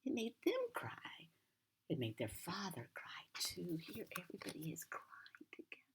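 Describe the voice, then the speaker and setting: A sweet old lady with an American accent reads a storybook in a low, very breathy voice that often drops to a whisper. She is a gentle grandmother who pauses for chatty asides to the child, and her intonation swings freely. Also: wildly swooping pitch. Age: older. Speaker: grandmother reading a children's book.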